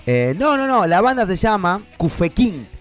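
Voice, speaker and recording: A man's voice: sits high, very animated, moderate pace, fairly bright tone. A man hosting a casual radio chat about children's music, speaking Rioplatense Spanish, enthusiastic and full of fillers and restarts. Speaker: radio host.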